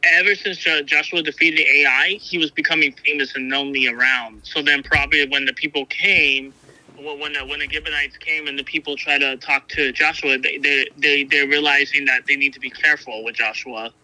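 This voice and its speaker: Bright-voiced man reading scripture aloud. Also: fairly high pitch, steady tone, dry recording, low-quality recording. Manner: halting, frequent restarts and fillers. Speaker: Bible reader and discussion partner. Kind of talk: Bible reading and casual discussion.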